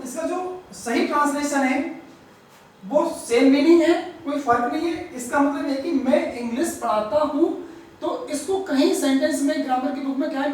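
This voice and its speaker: A woman teaching English grammar, explaining slowly, repeating words and stressing each example sentence. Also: sits high, darkish tone, a little hiss or hum. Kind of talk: grammar lesson. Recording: echoey room, far from the mic.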